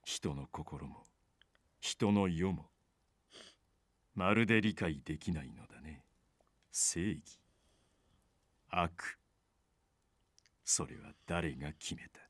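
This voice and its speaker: An actor playing a calm criminal mastermind in a Japanese game, monologuing with slow, theatrical menace. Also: male voice, low voice, no room sound, natural voice. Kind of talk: Japanese visual novel game voice acting.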